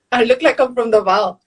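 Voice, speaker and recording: A woman's voice: fairly high pitch, low-quality recording. Playful South African woman hosting a chat. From South Africa (Johannesburg). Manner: playful, laughs often. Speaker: host. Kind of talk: casual interview chat.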